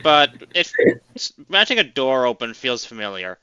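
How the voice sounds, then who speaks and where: A man's voice: mid-range voice, sing-song, normal speed, muffled recording, a loud crowd. A man playing in a tabletop game, chatting casually and tossing out joking quips. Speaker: player.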